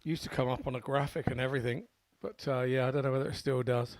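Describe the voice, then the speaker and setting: A man's voice: medium pitch, steady tone, fast talker, no echo. A man co-commentating on live darts in a chatty, informal way with rambling asides.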